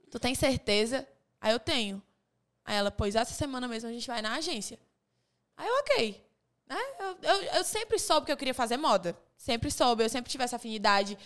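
A young woman tells a long personal story to her friends on a podcast. Her voice sits slightly high and stays smooth and clear. She slips into little performances of what people said. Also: normal speed. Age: young adult. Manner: animated storyteller, acts out quoted dialogue. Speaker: podcast co-host. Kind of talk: casual chat among friends.

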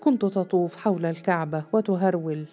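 Woman narrator doing a low, warm-voiced young woman, earnest and pleading, for an audiobook. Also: brisk, faint music behind, lightly acted. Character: young woman pleading with a judge, bold yet shy.

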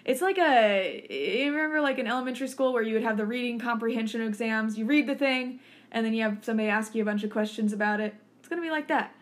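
A woman's voice: on the high side, fast. Playful woman hosting a podcast. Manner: playful, leads the questions. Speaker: podcast host. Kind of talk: casual chat.

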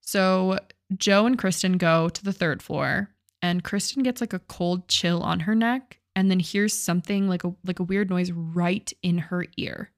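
A woman's voice: lowish voice, a little slow, no echo, studio quality. A young woman co-hosting a podcast, retelling a ghost story in casual chat, swearing and using many fillers. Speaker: podcast co-host.

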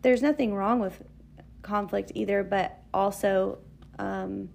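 A woman co-hosting a podcast in casual chat, chatty and quick to laugh, often restarting her sentences. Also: mid-range voice, steady tone, creaky, darkish tone, a little hiss or hum. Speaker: podcast co-host.

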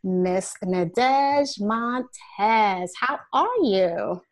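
A woman's voice: medium pitch, animated, very slow. A woman hosts a casual online interview, taking her time over each phrase. She talks in a chatty way and stretches out the words she wants to stress. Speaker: host.

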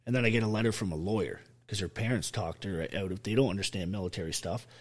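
A middle-aged army veteran, a podcast guest, telling a painful personal story bluntly, with constant swearing and raw emotion. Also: male voice, lowish voice, fast. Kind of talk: candid interview storytelling.

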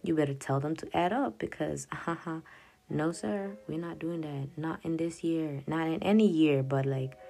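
This young podcast host, whose first language is Swahili, has a deep, gravelly, warm voice and talks at a moderate pace. Casually rambling through her journal notes, she interrupts herself, laughs often and repeats "yada yada," against faint background music.

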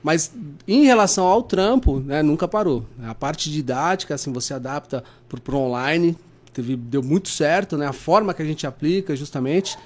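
A man's voice: a little high, lively intonation, normal speed. A man with a Brazilian Portuguese accent, a podcast guest chatting casually in an informal, slangy, earnest way. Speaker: podcast guest, lie-detection expert. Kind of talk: casual chat.

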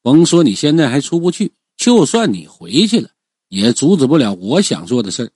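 A man voicing a menacing, arrogant rich middle-aged boss who sneers his threats in a husky, lowered voice. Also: very animated, a little fast, a little mellow, dry recording, clean studio sound. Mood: sneering.

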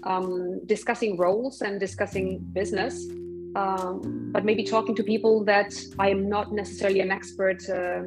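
A woman from Poland, a recruitment professional, answering interview questions in a measured, thoughtful way with frequent ums. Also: medium pitch, fairly even intonation, music in the background, poor audio.

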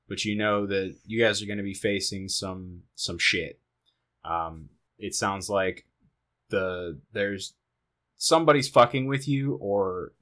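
A man's voice: lowish voice, a bit bright. A man narrating a tabletop game as game master, laid-back and swearing freely.

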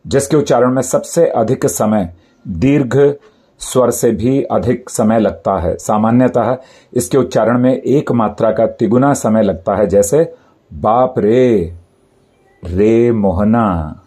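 Slow, husky grammar teacher. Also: male voice, medium pitch, dark tone. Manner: slow, deliberate, drawing out each sound as an example. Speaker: Hindi teacher. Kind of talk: grammar lesson.

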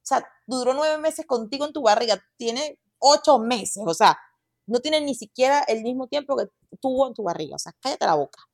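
A woman's voice: sits high, normal speed, no echo, clean studio sound. A young adult woman with a Venezuelan accent, a podcast guest chatting casually and animatedly, slipping into quoted inner voices. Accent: Venezuelan Spanish.

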